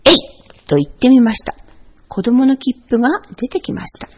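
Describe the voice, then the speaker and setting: A woman narrating a children's storybook in a gentle, expressive read-aloud manner. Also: fairly high pitch, normal speed, breathy edge. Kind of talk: storybook reading.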